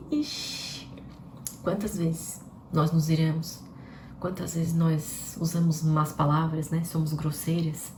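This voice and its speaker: Low, warm-voiced woman preaching conversationally. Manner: conversational, rhetorical questions to viewers. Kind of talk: devotional talk to a live audience. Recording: roomy with faint background noise.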